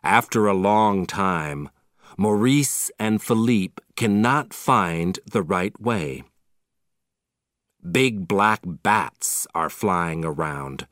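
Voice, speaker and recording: A narrator reading a simple storybook slowly and clearly. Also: deep voice, expressive, a bit bright, no room sound, clean studio sound.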